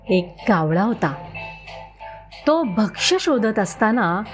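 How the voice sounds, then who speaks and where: A woman narrating a children's story in a slow, expressive, sing-song way. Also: mid-range voice. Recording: faint music behind.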